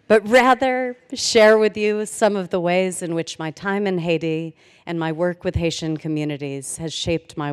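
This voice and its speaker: A woman in her 40s gives a formal commencement speech at a podium microphone on stage in a large hall. Her smooth, resonant voice sits on the low side, and she's earnest and measured with light, dry humor. The reverberant auditorium leaves a long echo.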